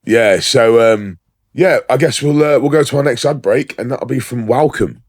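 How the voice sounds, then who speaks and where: A man's voice: medium pitch, moderate pace, darkish tone, no room sound, clean studio sound. A man co-hosting a casual podcast, rambling and sweary, full of ums and fillers. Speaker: podcast co-host.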